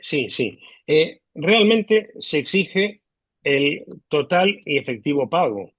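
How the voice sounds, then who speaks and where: A man on a video call explaining tax law in a measured way, hesitating often with "eh", over low quality stream audio. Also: sing-song, fairly bright tone, husky, no room sound. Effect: low quality stream audio, connection dropping. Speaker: legal expert guest. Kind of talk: explaining law in a remote interview. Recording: dull lo-fi online call audio.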